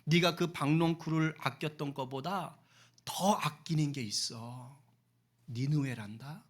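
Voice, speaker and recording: A man puts on a tender God figure, voice dropped low and warm in tone, asking patient questions. Each line is a soft plea. It is part of a spoken sermon retelling. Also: a little slow. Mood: coaxing. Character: gentle fatherly God pleading with a sulking prophet.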